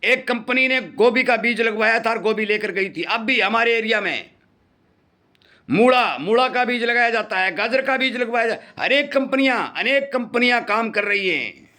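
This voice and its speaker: High, bright-voiced farming channel host. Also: male voice, lively intonation, normal speed. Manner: earnest, warning, repeats points for emphasis. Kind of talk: impassioned commentary to farmers.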